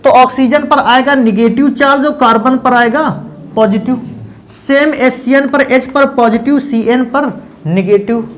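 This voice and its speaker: A man's voice: extremely high pitch, measured pace, a bit bright, slight background noise. A man teaching chemistry in a lecture. He calls his students beta and bhaiya and keeps asking questions and answering them himself. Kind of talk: classroom lecture.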